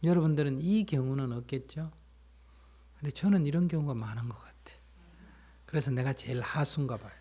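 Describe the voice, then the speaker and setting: A man, a Buddhist monk, giving a dharma talk that explains and tells stories, sometimes asking his listeners questions and dropping to a soft, whispery emphasis. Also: mid-range voice, a little fast, long pauses. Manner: plain explanatory storytelling, asks listeners questions.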